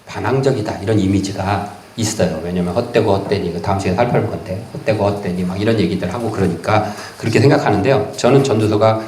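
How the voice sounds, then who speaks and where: A man preaching a sermon as pastor, in lively conversational speech. He reads verses slowly, then puts them in casual everyday words. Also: on the low side, roomy sound, slight background noise. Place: church sanctuary.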